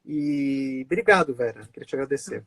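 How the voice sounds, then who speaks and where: A chatty man hosting a laid-back live stream via video call speaks in a mid-range, expressive voice that's fairly quick and a bit bright, with no echo. He was born in Israel and grew up in Brazil. He laughs a lot and keeps restarting, with plenty of fillers.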